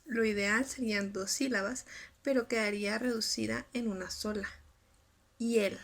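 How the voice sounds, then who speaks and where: Creaky husky woman reading a lesson. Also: mid-range voice, steady tone, fairly bright tone. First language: Spanish. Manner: reads carefully, spells out syllables slowly. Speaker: student presenter. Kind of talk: scripted lesson narration.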